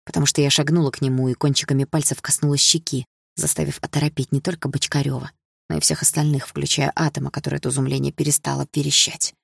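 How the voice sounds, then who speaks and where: A woman reading a first-person audiobook in a calm, measured, expressive way. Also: low voice, gravelly, breathy edge, no room sound, clean studio sound. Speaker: audiobook narrator.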